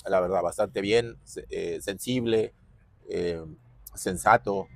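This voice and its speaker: A middle-aged man with a Mexican Spanish accent, a former footballer talking casually in an interview, reflective, with pauses and fillers. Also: sits low, gravelly, no room sound.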